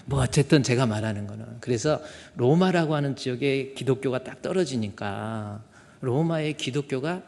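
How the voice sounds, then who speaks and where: A man's voice: medium pitch, a little mellow. Male pastor, sermon, conversational, rhetorical questions, church sanctuary, long hall reverb. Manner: conversational preaching, frequent rhetorical questions to the congregation.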